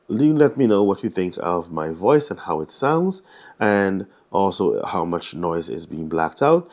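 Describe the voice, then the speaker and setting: A man testing his wireless clip-on mic, talking in a casual, halting way with many restarts, his voice run through noise reduction processing. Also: low voice, darkish tone, dry recording. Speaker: gear reviewer. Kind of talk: casual product test vlog.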